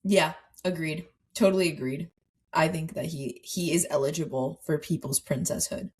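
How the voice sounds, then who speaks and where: A young woman co-hosting a casual podcast, chatting and quoting clips in lively voices. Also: low voice, normal speed, slightly rough. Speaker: podcast co-host. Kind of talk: casual chat.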